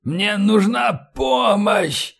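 A man voicing a wounded male colonel who gasps for air and cries out in strained, wheezing shouts. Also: high voice, very slow, gravelly, husky, voice pushed up, exaggerated voice. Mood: pained shouting.

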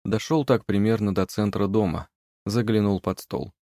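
Calm low-voiced male narrator. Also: normal speed, dry recording, studio quality. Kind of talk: audiobook narration.

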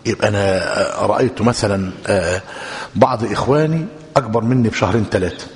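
A man with an Egyptian Arabic accent giving a classroom religious lesson, dictating notes and quizzing his students in a lively teacherly way. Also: fairly low pitch, fast talker. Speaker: sheikh teaching a book commentary. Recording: long hall reverb.

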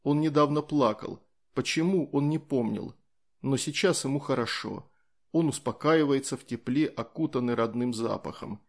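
A man narrating an audiobook in an even, unhurried storytelling manner. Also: mid-range voice.

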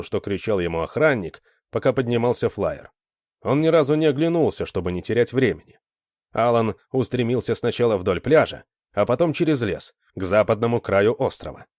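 A man narrating a story aloud in an expressive, animated way. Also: mid-range voice, a little fast, no echo, studio quality.

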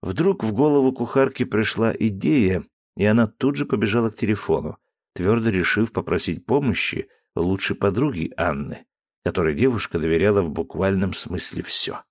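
Deep, lively male audiobook narrator. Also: normal speed, dry recording, clean studio sound. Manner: expressive reading, acts out each character. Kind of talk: scripted narration.

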